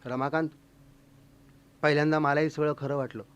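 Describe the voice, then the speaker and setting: A man's voice: on the high side, flat delivery, moderate pace, smooth, pitched below the performer's own voice, natural voice. A man voicing a reproachful, chiding wife. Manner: chiding, pointed. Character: reproachful wife, scolding husband at night.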